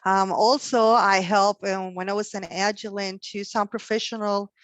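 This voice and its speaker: Speaking on a career panel to students, a woman with a Mexican accent whose first language is Spanish stumbles along, filling pauses and restarting often. Her pitch sits in the middle and stays steady, and the recording is dry, without any room sound.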